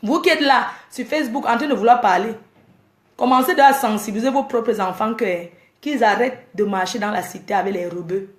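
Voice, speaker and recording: A woman's voice: fairly high pitch, a little fast, echoey room. Scolding woman ranting on a live stream. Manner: scolding, exasperated, lecturing viewers. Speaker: live-streamer addressing her fans. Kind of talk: casual Facebook live rant.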